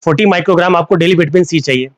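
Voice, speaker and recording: A man's voice: a little high, racing, dry recording. A man teaching a live online class, repeating key terms as questions to his students and mixing in English. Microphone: phone.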